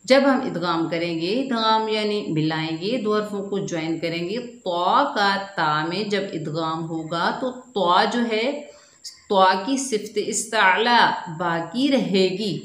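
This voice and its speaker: A woman teaching children Quran recitation rules, asking questions and answering them herself, and drawing out syllables in slow drills. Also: mid-range voice, a bit bright, roomy sound. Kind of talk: children's tajweed lesson.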